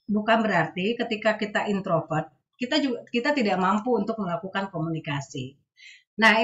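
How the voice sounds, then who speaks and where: A woman giving a webinar talk as a guest speaker on counseling. She explains patiently and often adds soft tag phrases at the ends of her sentences. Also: mid-range voice, lo-fi sound.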